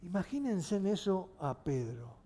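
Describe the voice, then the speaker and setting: A man's voice: high voice, unhurried. A male pastor preaching a sermon, asking his listeners questions. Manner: animated, asking the congregation questions.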